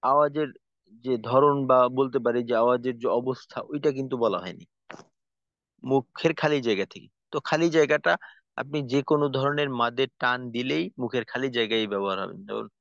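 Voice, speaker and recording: A man teaching Quranic pronunciation, patiently demonstrating each sound by repeating it slowly. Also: medium pitch, creaky, fairly bright tone, no room sound, dull audio. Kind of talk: spoken lesson on pronunciation.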